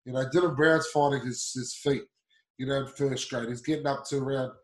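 A man's voice: medium pitch, fairly even intonation, a little fast, roomy sound, low-quality recording. A man hosting a sports talk show, blunt and swearing freely as he rants. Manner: blunt, swearing, heated ranting.

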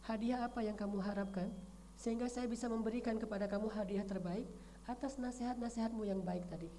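A woman voicing a humble, gentle noble man who speaks calmly in a sermon story. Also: on the high side, fast, slight background noise, close to an everyday voice.

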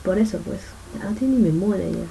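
A woman's voice: medium pitch, fairly quick, creaky, mellow. A young woman co-hosting a podcast, teasing her friend with playful banter. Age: young adult. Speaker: podcast co-host. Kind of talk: casual chat between friends. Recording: a bit distant with faint noise.

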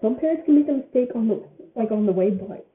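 An eighteen-year-old woman shares her views in a loose, casual vlog. She rambles and circles back over the same phrases, in a voice pitched a little high. The audio is thin and tinny, like a phone line. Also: animated, fast. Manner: rambling, repeats phrases often.

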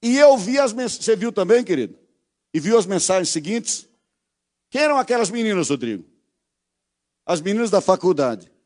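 A man with a Brazilian Portuguese accent preaching a sermon, speaking intimately to listeners and swinging from hushed tones to fervent appeals. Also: high-pitched, big pitch swings, moderate pace, long pauses.

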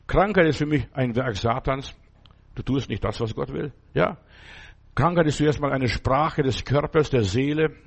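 A man's voice: mid-range voice, creaky. A middle-aged man preaching a sermon in an earnest way, often repeating phrases and asking "right?". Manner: earnest, repeats phrases with many tag questions.

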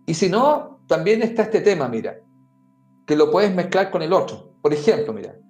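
A man's voice: sits high, very animated, moderate pace, darkish tone. A man on a podcast giving advice, explaining conversationally and talking straight to the listener. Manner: talks straight to the listener, often saying "mira" and "amigo". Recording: roomy echo with faint music.

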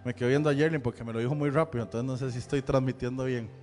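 A man's voice: medium pitch, fairly even intonation, racing, darkish tone. Pastor guy with a central american spanish accent, joking around during church announcements, reverby sanctuary. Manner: chatty, joking with the congregation. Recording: long hall reverb with faint music.

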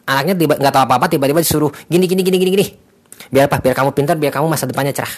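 A man's voice: mid-range voice, rapid-fire, husky. Man, young adult, Jakarta accent, casual lecturing monologue, English phrases mixed in, emphatic repetition. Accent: Jakarta Indonesian. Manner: lively, lecturing, repeats himself for emphasis. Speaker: parenting advice vlogger.

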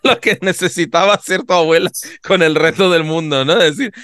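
A man co-hosting a podcast in casual chat, expressive and full of little tag questions. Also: fairly high pitch, brisk, clean tone, no room sound. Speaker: podcast co-host.

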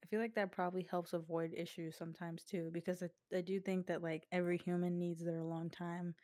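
A young woman with a fairly low voice chats loosely on a podcast, full of "like" fillers and quick asides. She is coughing and breathing hard into the mic. The sound is close and dry. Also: little pitch movement, mellow, no echo. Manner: chatty, fillers like "like", laughs often. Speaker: podcast co-host. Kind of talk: casual chat.

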